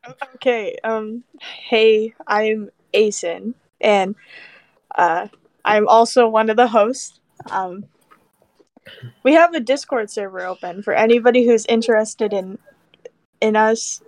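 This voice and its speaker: A woman's voice: fairly high pitch, slow pace, a little mellow, no room sound. A young woman co-hosting a casual podcast, dry and teasing, often laughing, on a poor-quality mic. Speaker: podcast co-host.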